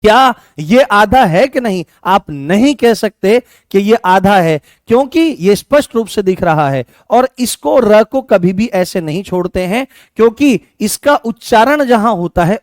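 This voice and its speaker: A teacher with a Rajasthani Hindi accent walks students through grammar, repeating each point and throwing questions back at them. His voice sits high for a man. The recording is close and dry, with no room sound. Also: dry recording. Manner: repetitive, coaxing, asks students questions and calls them beta; answers viewer comments by name. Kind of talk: online exam-prep grammar lesson.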